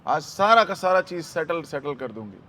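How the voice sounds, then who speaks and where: A man voicing a shrill scolding village woman. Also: sing-song, moderate pace, a little hiss or hum. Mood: scolding, indignant. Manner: scolding, indignant, loud. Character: angry village woman dragging in a thief.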